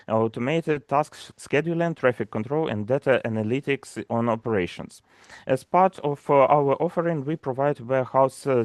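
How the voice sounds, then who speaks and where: A man with a Ukrainian accent presents a startup pitch over a video call, with his screen shared. He reads a prepared script in a mid-range voice and often pauses on "uh". His voice is dry, with almost no room sound. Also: dry recording. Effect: on a video call, sharing his screen.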